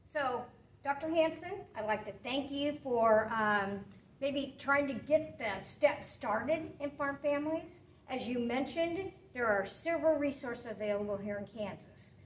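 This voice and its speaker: A middle-aged woman hosts an interview in a plain, friendly and slightly halting way. Her voice is high. It is recorded from a slight distance in a roomy space with faint hiss. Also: animated. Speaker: extension agent, interviewer. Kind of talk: hosting an interview. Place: small indoor studio room.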